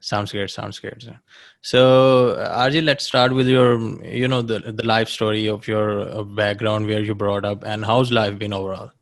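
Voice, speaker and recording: A man hosting a podcast interview, casual and halting, often repeating his words. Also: fairly low pitch, level tone. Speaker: podcast host.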